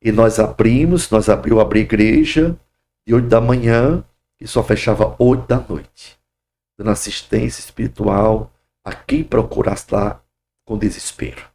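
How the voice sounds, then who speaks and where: Middle-aged pastor, gravelly voice, fervent, breaks into praise shouts mid-story. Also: male voice, lowish voice, moderate pace. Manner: fervent, bursts of "glória" and "aleluia". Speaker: pastor, podcast guest. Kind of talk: testimony in a podcast interview.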